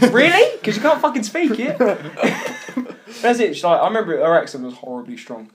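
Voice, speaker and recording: A man's voice: sits high, sing-song, moderate pace, a bit bright, a little hiss or hum. A young man, bantering on a podcast with mocking, sweary jibes. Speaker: podcast co-host. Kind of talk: casual banter.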